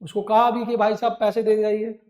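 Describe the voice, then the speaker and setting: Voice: medium pitch, little pitch movement, brisk, a little mellow. An accounting teacher giving a classroom lecture, calling students "beta", mixing in English terms and drilling them with repeated questions.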